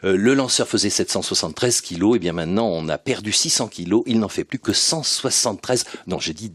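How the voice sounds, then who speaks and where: A man's voice: fairly low pitch, expressive, a little fast, breathy edge. A man hosting live launch commentary in a conversational, appreciative manner. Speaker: live broadcast host.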